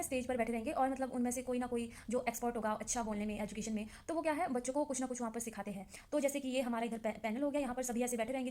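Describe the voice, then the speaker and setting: Quick-talking young woman explaining notes. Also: on the high side, a little mellow. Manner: chatty explaining with many fillers, reads English definitions slowly. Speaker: trainee teacher. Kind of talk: casual exam-revision lesson.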